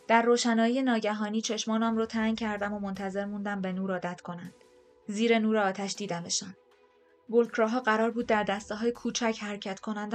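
Woman narrating an audiobook over soft music. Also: medium pitch. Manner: measured, steady, softly dramatic reading. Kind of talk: first-person audiobook narration.

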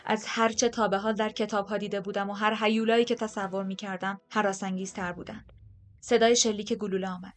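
A woman reading a first-person audiobook in a measured, steady, softly dramatic way. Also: medium pitch. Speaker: audiobook narrator.

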